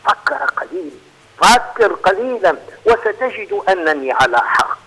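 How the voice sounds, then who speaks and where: A man's voice: high voice, sing-song, normal speed, gravelly, bright, forceful tone, breathy edge, heavily acted, poor audio. A man voicing a wise, cheeky male squirrel with a knowing, teasing manner.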